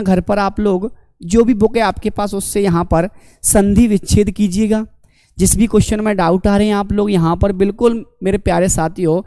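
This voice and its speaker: A man's voice: high voice, dark tone, dry recording, studio quality. A man teaching an online exam-prep lecture, asking the class questions and answering them himself, calling the students his dear companions.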